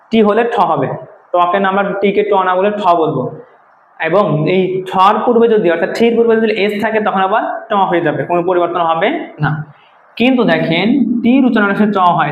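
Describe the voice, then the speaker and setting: High-voiced man teaching pronunciation. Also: echoey room, highs cut off, a little hiss or hum. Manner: explains step by step, repeating words and asking questions. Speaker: English teacher. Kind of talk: spoken English pronunciation lesson.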